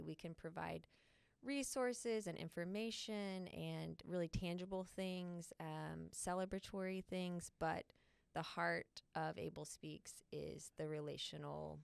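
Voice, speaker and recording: A low-voiced woman with heavy vocal fry co-hosts a podcast, explaining things earnestly and pausing often on fillers. Her voice is smooth and resonant under the rasp, recorded close and dry. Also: no echo. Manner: earnest, thoughtful, many filler pauses. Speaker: podcast co-host. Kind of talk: casual podcast chat.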